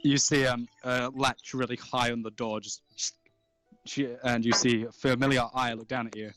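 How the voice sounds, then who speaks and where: A man improvising tabletop game narration as game master, in an informal, halting, descriptive way. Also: medium pitch, fairly even intonation, a bit bright. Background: faint music.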